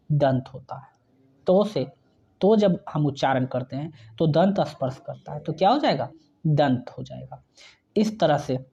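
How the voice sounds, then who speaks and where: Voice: medium pitch, mellow, highs cut off. A teacher giving an exam-prep grammar lesson, who spells out sounds one by one and often checks in with the viewer.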